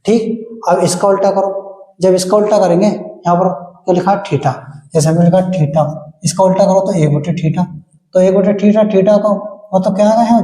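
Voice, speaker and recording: Male maths tutor with a mellow, slightly high voice in a reverberant room, explaining step by step. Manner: explains step by step, asks and answers his own questions. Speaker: maths teacher. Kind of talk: classroom maths lesson.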